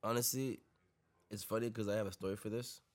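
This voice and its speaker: A man's voice: fairly low pitch, steady tone, a little fast. A young adult man, telling stories casually in street slang and repeating tag phrases. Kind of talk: casual anecdotal chat.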